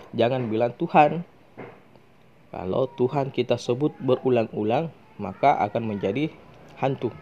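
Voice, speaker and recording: A man teaching a religion lesson to children, talking slowly and carefully. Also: on the low side, a little mellow, highs cut off, slight background noise. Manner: slow and deliberate, addressing children. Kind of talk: classroom lesson with singing.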